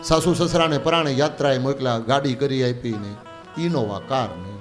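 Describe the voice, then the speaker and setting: A man telling a religious story as a sermon, acting out the dialogue in lively voices. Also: mid-range voice, normal speed, faint music behind. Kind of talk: Gujarati katha sermon. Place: spiritual gathering.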